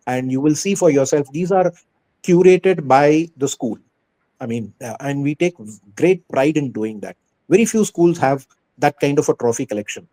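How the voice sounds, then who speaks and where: A man's voice: medium pitch, mellow, poor audio. A man with an Indian accent giving earnest, emphatic answers in a conversational interview as a school head, often repeating phrases for stress.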